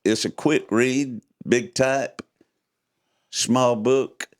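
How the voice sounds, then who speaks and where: A man's voice: mid-range voice, steady tone, very slow. An older man, hosting a podcast and reading his own stories in a folksy, chuckling way. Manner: folksy, chuckling, playful delivery. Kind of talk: casual chat and storytelling read-aloud.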